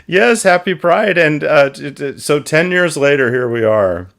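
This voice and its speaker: A man's voice: fairly high pitch, animated, measured pace, gravelly, fairly bright tone. A man hosting his own interview show, earnest and talkative, introducing his guest and carefully crediting others. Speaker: podcast host.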